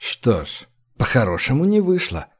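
A man voicing a calm, coldly ruthless male shaman who speaks with dry, unhurried menace. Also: medium pitch, slightly rough.

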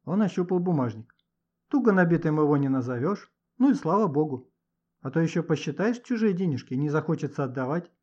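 A man narrating a children's story in an expressive, scripted reading. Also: a little high, brisk. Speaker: audiobook narrator. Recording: dull lo-fi recording.

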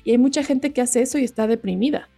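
A woman's voice: fairly high pitch, fast talker, gravelly, mellow, soft background music. A woman co-hosting a podcast, chatting casually over a video call and rambling with many restarts. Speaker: podcast co-host. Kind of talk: casual chat.

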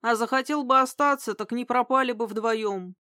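A woman reading aloud as a blunt, gruff older village man who speaks emphatically and flares up easily. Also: a little high, pushed and bright, no echo, studio quality. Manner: emphatic, outspoken, quick to flare up.

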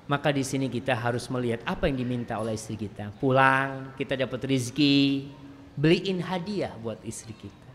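A male preacher gives a lively mosque lecture with a slightly high voice, jumping from loud, climbing lines to soft asides and bantering with the crowd. Long reverb rings from the big hall, with faint noise from the room behind him. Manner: lively, swings loud and soft, acts out wives and husbands; banters with the congregation.

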